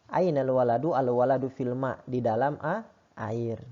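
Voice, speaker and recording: A man teaching a lesson, reading each phrase slowly and then explaining it quickly. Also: mid-range voice, dark tone. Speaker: Arabic teacher. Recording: dull lo-fi sound.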